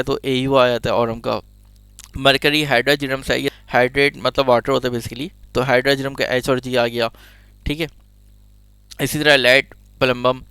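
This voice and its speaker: A man's voice: medium pitch, a bit bright, smooth, no echo. A man giving a chatty science lesson, full of jokey asides and digressions. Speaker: teacher. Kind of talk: casual explanatory lecture.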